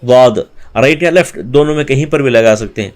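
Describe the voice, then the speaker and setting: A man's voice: mid-range voice, clear, resonant tone. Man teaching Quran recitation in Urdu. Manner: explains pronunciation mistakes, then recites verses slowly and drawn out. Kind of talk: tajweed lesson with recitation.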